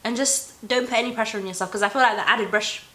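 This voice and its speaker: A woman's voice: fairly high pitch, quick pace, pushed and bright. A young woman hosting a casual advice chat, talking in a chatty, informal and encouraging way. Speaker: talk show host.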